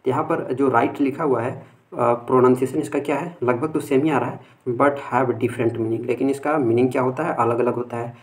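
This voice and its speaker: A man teaching rhyme types, explaining in a lecture and reading English lines slowly while often checking in with his listeners. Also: mid-range voice, steady tone. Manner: reads English lines slowly and deliberately, repeats "theek hai" often. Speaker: literature teacher. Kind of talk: classroom lecture mixing Hindi and English.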